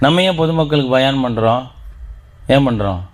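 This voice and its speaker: A man's voice: mid-range voice, moderate pace. Male preacher, Tamil Nadu accent, mid-range voice, instructional talk to members, keeps quizzing the crowd. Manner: interactive, quizzes the audience with questions. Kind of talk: Islamic teaching talk to members. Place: outdoor garden gathering.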